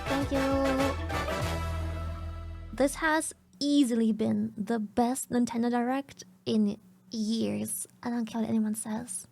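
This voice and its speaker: A woman's voice: fairly high pitch, fairly even intonation, slow, gravelly, darkish tone, faint music behind. A young woman streaming a casual reaction, talking bluntly and chattily in her groggy morning voice.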